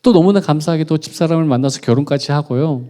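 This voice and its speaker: Middle-aged guy pastor telling his story in church, slightly high voice, goes from whispery quiet to loud and pleading. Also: quick pace. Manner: emotional, swings from hushed whispers to loud pleading outbursts. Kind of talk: testimony sermon. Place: church sanctuary.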